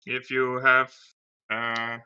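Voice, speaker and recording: A man playing a cautious, accommodating shelter keeper in a tabletop game, speaking haltingly. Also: medium pitch, completely flat delivery, bright, forceful tone, clear, resonant tone, muffled recording, exaggerated voice. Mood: wary, businesslike. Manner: halting, hesitant.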